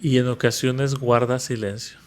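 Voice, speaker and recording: Podcast host, affirming. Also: male voice, mid-range voice, flat delivery, normal speed, darkish tone. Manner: asks and affirms, echoes the guest. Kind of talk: podcast interview.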